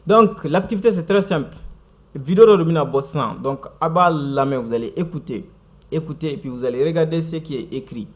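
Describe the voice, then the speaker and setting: Lively man teaching English on TV. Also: on the high side, fairly quick. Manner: lively, laughing, switching between French and Bambara. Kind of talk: live TV language lesson.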